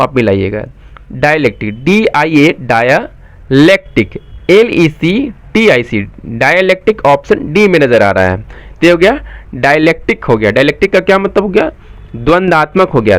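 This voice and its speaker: A man with a Bihari Hindi accent teaches a spelling lesson for competitive exams, with a voice pitched a little high. He drags each word out letter by letter, then rattles through the meaning. The recording is dry and close, with no room sound. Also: dry recording. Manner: spells words slowly letter by letter, then explains quickly; asks the viewers questions and answers them himself. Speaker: exam coaching teacher.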